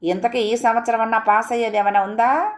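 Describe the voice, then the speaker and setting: A woman's voice: a little high, steady tone, fairly quick, voice pushed up, lightly acted. A woman voicing a stern, disapproving middle-aged uncle who nags. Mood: scornful. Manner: scornful, nagging.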